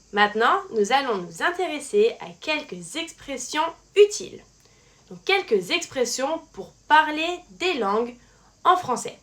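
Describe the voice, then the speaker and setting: A woman teaching a French language lesson in a clear, scripted delivery. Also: on the high side, fairly bright tone.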